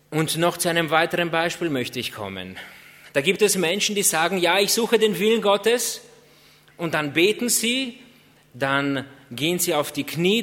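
A man's voice: a little high, a bit bright, big-room sound. A man preaching a sermon, earnest, asking rhetorical questions and drawing out key words.

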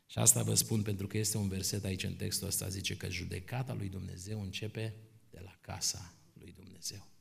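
A middle-aged man preaching a sermon to his congregation, emphatic, swinging between quiet asides and loud exhortation. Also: deep voice, little pitch movement, vocal fry.

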